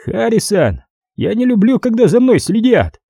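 A man voicing a cold, menacing male hitman who threatens quietly over the phone in an audiobook. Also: high-pitched, sing-song, moderate pace, creaky, breathy edge, no room sound, studio quality, voice pushed up, heavily acted.

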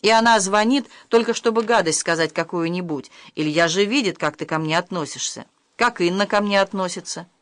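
A woman's voice: lowish voice, a little fast, fairly bright tone, dry recording, lightly acted. A woman reading the lines of a distressed young stepmother, reproachful and emotional, her voice rising when upset. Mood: hurt reproach.

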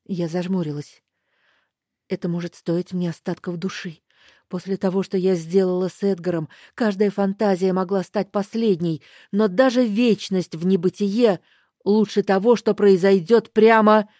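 A woman giving first-person audiobook narration in a slow, deliberate way. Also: medium pitch, steady tone, mellow, dry recording, studio quality.

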